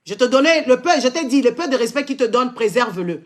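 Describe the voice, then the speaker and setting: A man's voice: very high-pitched, animated, quick pace, a bit bright. Angry man with a Congolese French accent. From Democratic Republic of the Congo. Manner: angry and confrontational, repeated scolding exclamations; switches between French and Lingala mid-sentence. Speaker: live-stream commentator. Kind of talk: heated live-stream rant.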